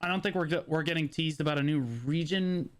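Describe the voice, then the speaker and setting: A man's voice: a little high, brisk, smooth. Rambling man hosting a gaming podcast. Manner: rambling, loose and profane, many fillers. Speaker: podcast host. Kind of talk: casual gaming podcast chat.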